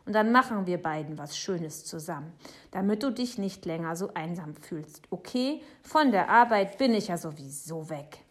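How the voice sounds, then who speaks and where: A patient, careworn father who talks to his son in a calm, soothing way, as a woman narrator reads his lines. The delivery stays close to an everyday reading voice in a children's audiobook. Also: fairly low pitch, moderate pace, natural voice. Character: worried, gentle father, patient and tired. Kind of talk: audiobook character voice.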